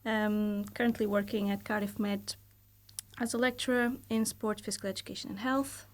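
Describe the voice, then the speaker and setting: Flat in delivery and medium in pitch, this woman's voice belongs to a university lecturer in her thirties with a Portuguese accent. As a guest on a casual podcast interview in a studio, she speaks thoughtfully and measuredly, frequently hedging with fillers.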